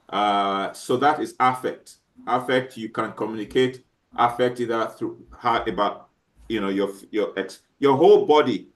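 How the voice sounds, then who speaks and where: A male teacher lectures a class in a halting way, full of fillers and restarts. He keeps stopping to ask whether students have understood. His voice sits at an ordinary middle pitch.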